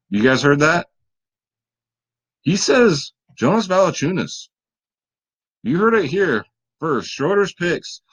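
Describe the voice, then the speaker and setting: A man's voice: fairly low pitch, fairly bright tone, rough recording. A man hosting a fantasy sports picks video, talking casually and straight to his viewers, tired late at night. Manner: chatty, hype-building, talks straight to viewers.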